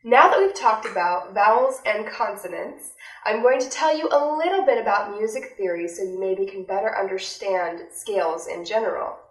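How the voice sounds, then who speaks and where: A young adult woman giving a vocal lesson, explaining clearly and demonstrating with sung examples. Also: medium pitch, moderate pace. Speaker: vocal instructor. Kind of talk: instructional voice lesson. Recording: roomy, from a distance, with faint music.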